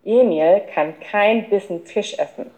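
A woman's voice: mid-range voice, a little slow, natural voice. A woman reading an audiobook, voicing a cheerful little girl who chirps her lines. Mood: chirpy. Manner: bright, chirpy.

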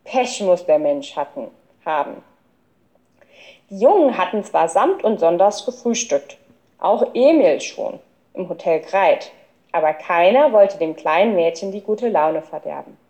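A woman reading a children's book aloud as an expressive storyteller. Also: medium pitch, unhurried. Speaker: audiobook reader. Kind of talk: scripted narration of a children's book.

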